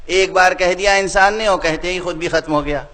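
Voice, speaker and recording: A man preaching a sermon, posing questions to his listeners and building slowly to loud, drawn-out emphatic peaks. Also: sits high, fairly even intonation, low-quality recording. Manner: slows and rises to loud emphatic peaks, rhetorical questions to the audience. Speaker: religious scholar.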